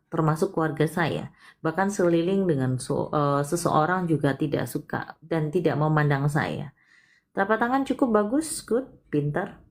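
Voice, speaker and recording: A woman's voice: on the low side, a little mellow. A woman hosting a palm-reading live stream, speaking in a tender, coaxing way. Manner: coaxing, tender, calls the caller "sayang".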